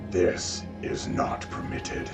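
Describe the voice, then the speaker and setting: A man voicing a stern, territorial unseen library guardian who gives slow, forbidding commands in a deep, breathy, hushed rasp, heard from a distance. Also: over loud music, lightly acted.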